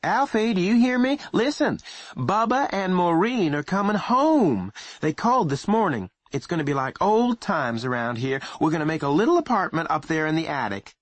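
A bossy, self-pitying middle-aged mother who wheedles and complains in a high, lively, husky voice, as a man puts her on for a storybook reading. The sound is close and dry. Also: moderate pace, no room sound. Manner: insistent, wheedling, turning plaintive.

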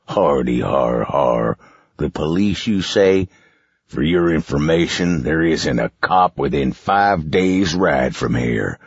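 Storybook villain, sneering mine boss read by a man, deep slow drawl, muffled sound. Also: animated, breathy edge, no room sound, exaggerated voice. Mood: menacing. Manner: slow, gloating, menacing. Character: scheming, sneering male mine boss, adult. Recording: dull, muffled recording.

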